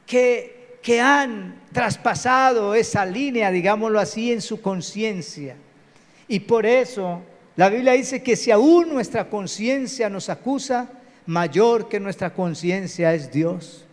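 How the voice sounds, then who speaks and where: A man preaching a live church sermon as pastor, calling on the congregation to say amen. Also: high-pitched. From Colombia. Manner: preachy, calls out to the congregation for amens. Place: large church hall. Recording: reverberant church hall.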